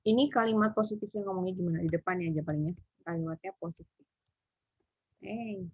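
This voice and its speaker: A woman's voice: on the low side, brisk, breathy edge, no room sound. A woman teaching English in an online lesson, often hesitating and thinking aloud with many fillers. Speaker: English tutor. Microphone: video call. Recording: muffled video call audio.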